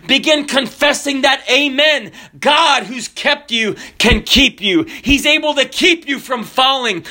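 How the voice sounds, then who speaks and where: High, bright-voiced fervent preacher man. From Kenya. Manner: fervent, rising to near shouts, then dropping low and soft. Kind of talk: sermon.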